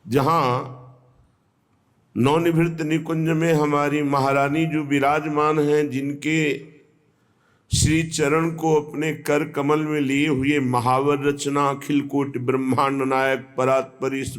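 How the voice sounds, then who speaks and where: A man giving a devotional discourse as a spiritual teacher, speaking in a measured, reverent way. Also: on the high side, little pitch movement. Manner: slow, measured, reverent delivery.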